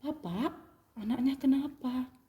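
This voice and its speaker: A woman doing a soft, gentle Jesus. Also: mid-range voice, expressive. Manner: soft, slow, reassuring. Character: gentle, calm Jesus comforting a family.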